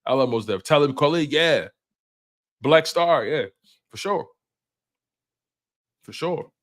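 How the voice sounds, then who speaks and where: Relaxed and slangy, a twenty-something man hosts a live sports show for viewers, often repeating himself and starting sentences over. He sounds a bit high and takes things slowly.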